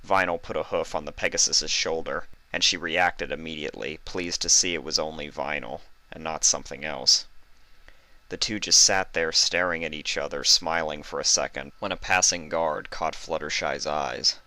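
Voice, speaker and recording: A deep-voiced man narrates fan fiction at normal speed, his tone carrying a bright, forceful edge. It sounds like a scripted reading, recorded close and very dry with no room sound.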